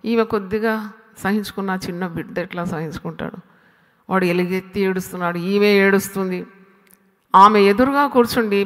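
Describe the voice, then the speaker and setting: A woman preacher delivering an animated sermon, firing rhetorical questions at her listeners and slipping English phrases into her talk. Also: mid-range voice, big-room sound.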